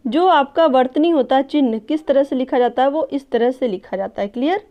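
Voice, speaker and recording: A woman teacher giving an online lesson, explaining step by step, addressing viewers as friends and often checking with "clear?". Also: sits high, fairly quick, dark tone. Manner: checks understanding with a repeated "clear?". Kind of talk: online exam-prep lesson. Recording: dull lo-fi recording.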